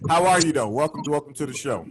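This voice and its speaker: A man's voice: a little high, lively intonation, fast talker, background noise. A man hosting a casual comedy podcast over a video call, talking in a laid-back, slangy way with lots of fillers. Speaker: podcast host. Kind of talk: casual chat.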